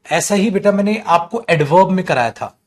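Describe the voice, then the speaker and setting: A man's voice: sits high, lively intonation, normal speed. Man teaching a Hindi English-usage class. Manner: explains patiently, calls students beta, quotes wrong phrases with mock emphasis.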